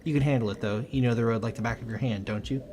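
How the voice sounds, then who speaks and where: A man hosting a let's play, reading game text aloud with a quick, lightly dramatic delivery. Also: medium pitch, steady tone, noisy background.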